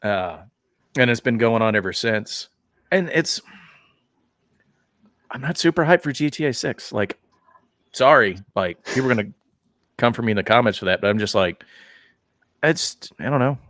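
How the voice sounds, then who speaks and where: A man hosting a podcast in casual chat, animated and rambling, full of fillers and restarts. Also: mid-range voice, normal speed, long pauses, no echo, clean studio sound. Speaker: podcast host.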